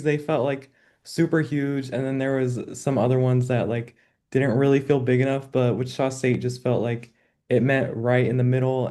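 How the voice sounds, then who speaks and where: Mellow young man, relaxed chat. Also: medium pitch. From Kansas. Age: young adult. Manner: relaxed, many "like" fillers. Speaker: student ambassador. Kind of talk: casual chat.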